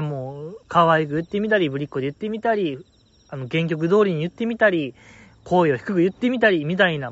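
Man, Kansai accent, podcast host, casual playful chat, lively up-and-down voice, fairly high pitch, dull dry lo-fi sound. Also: dry recording. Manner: lively, playful commentary with frequent laughs. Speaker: podcast host reading listener mail.

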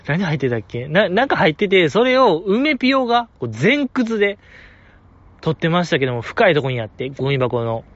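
A man's voice: high-pitched, very animated, brisk, a bit bright, no echo, highs cut off. A man with a Kansai accent hosting a casual solo podcast, playfully teasing his listeners and laughing often. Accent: Kansai Japanese. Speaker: podcast host.

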